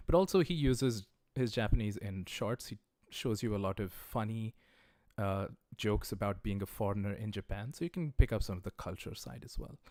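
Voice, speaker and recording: A language teacher with a lowish voice runs a casual livestreamed lesson, relaxed and conversational with many "uh" and "um" pauses. He's encouraging and recommends resources directly to his viewers. The audio is close and dry, without room echo.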